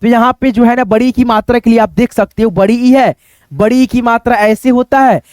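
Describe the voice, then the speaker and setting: A man's voice: very high voice, fairly even intonation, darkish tone, no room sound. A man teaching a classroom-style lesson, explaining step by step and often asking and then answering his own questions. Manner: repetitive, explanatory, often asks and answers himself; addresses viewers as friends, drawn-out words.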